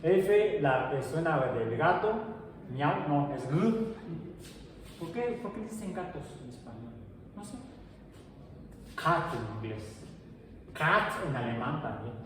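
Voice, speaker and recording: A man's voice: fairly high pitch, animated, slow, pauses often, fairly bright tone. A middle-aged man with a Mexican Spanish accent, lecturing a class and slipping into chatty anecdotes. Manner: chatty, digressive storytelling. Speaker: teacher. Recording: roomy echo, distant mic, faint noise.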